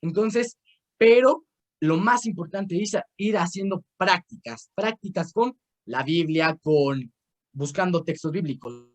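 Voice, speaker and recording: A young man with a Mexican Spanish accent and a noticeably high voice leads a casual online Bible class. He rambles through personal stories and instructions, filling pauses with "este" and restarting sentences. He speaks into a video call microphone.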